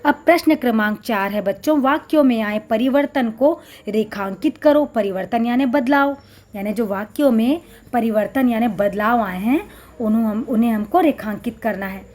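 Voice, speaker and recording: Woman teacher, slightly high mellow voice, patient step-by-step explaining to young kids. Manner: patient, explains slowly, often addresses children. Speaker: primary school teacher. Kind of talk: recorded classroom lesson for children. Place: Chhattisgarh, India.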